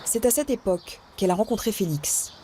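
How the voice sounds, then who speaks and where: A woman narrating a documentary report in a scripted, even and measured way. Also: mid-range voice. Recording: crowd and noise in the background.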